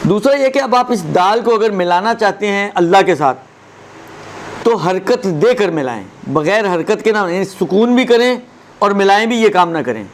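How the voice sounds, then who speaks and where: A man teaching a religious lesson on prayer recitation, explaining step by step, slowly demonstrating verses and checking in with his listeners. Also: high-pitched, a little hiss or hum.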